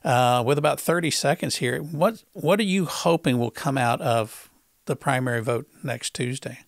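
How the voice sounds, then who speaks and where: A male talk show host, interviewing in a halting way, repeating words and filling pauses with uh. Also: mid-range voice, creaky, dry recording, clean studio sound. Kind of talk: conversational political interview.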